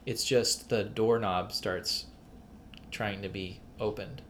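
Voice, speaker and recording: A man with a somewhat low voice talks through a film on a casual podcast, meandering and halting, full of fillers and self-corrections. A faint noise sits under the recording. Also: fairly even intonation. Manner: rambling, halting with many fillers and restarts. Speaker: podcast co-host.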